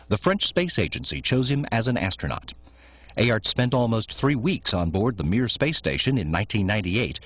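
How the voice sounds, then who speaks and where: Husky male documentary narrator. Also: lowish voice, no echo. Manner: measured, informative. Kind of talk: scripted narration. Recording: dull lo-fi recording, dry.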